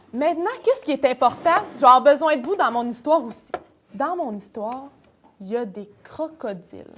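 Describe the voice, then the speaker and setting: A woman leading an interactive picture-card storytelling session for children, coaxing them with questions. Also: high-pitched.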